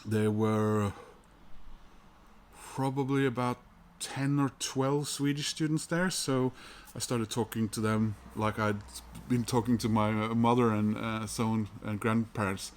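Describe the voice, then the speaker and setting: A Norwegian vinyl collector vlogs to camera about the records he bought, rambling casually with plenty of "uh" and "um." His voice is lowish, steady and unhurried, with a little background noise behind it.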